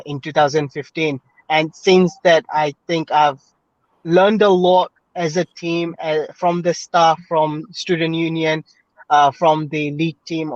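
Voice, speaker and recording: A Scottish man talks haltingly, restarting his sentences often. His pitch hardly moves, and the sound is dry and a little muffled. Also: dry recording. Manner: hesitant, with many restarts and fillers. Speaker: student union vice president. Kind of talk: casual online panel chat.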